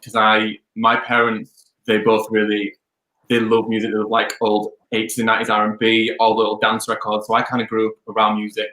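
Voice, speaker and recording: Young dj guest, rapid bright delivery, echoey room on a video call. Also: male voice, lowish voice. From Leeds, England. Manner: chatty, upbeat, rambling. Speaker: DJ and music producer guest. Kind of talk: casual interview chat.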